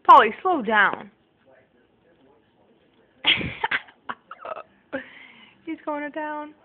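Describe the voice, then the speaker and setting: Lady with a high voice talking slow to her parrot, sing-songy and teasing, tinny phone audio. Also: expressive. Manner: coaxing, sing-song repeated goodbyes to a bird; teasing, swears casually. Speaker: pet owner. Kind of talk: casual talk to a pet parrot.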